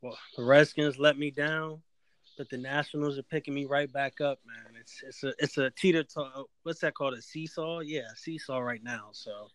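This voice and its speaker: A man's voice: medium pitch, fairly even intonation, moderate pace, fairly bright tone, no room sound. A man from the Washington D.C. area co-hosting a sports podcast in casual chat.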